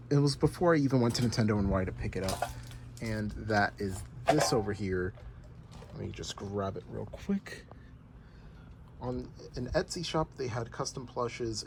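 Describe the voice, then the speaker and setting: A young man talks in a low voice, rambling from one thought to the next and stopping often to restart. A faint hiss sits under the recording, made at home. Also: a little mellow. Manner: rambling with many fillers and restarts. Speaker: gaming vlogger. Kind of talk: casual unboxing and game progress vlog. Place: bedroom at home.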